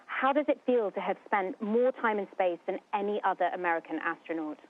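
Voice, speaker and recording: A woman's voice: medium pitch, animated, brisk. A woman hosting a live broadcast interview as a news presenter, heard through a phone-like link. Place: studio, heard over a link. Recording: narrow tinny phone-like radio link.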